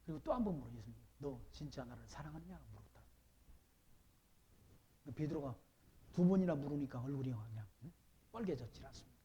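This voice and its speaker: A male pastor preaching a sermon. He reads scripture slowly and forcefully, asks the congregation questions, and moves between loud declaiming and quiet asides. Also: mid-range voice, sing-song, a little hiss or hum.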